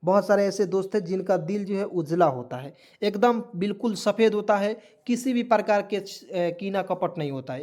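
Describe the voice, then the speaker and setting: This lesson features a male English vocabulary teacher whose voice sits high and sounds a little mellow. Again and again he puts the meaning of each word to his viewers as a question, then says the answer twice over, drilling them.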